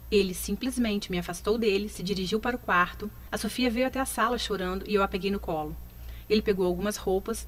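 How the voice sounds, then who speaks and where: A woman in her thirties reading a scripted first-person story in a slow, sorrowful, confessional way. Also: mid-range voice. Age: 30s.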